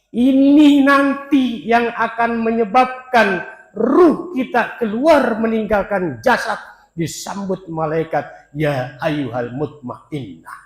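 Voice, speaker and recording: Guy preaching in a mosque, slow and dramatic, big boomy hall reverb. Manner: emotive, swings between loud calls and soft near-whispers; addresses the congregation directly as "Pak". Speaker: preacher at a dawn mosque study. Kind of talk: sermon.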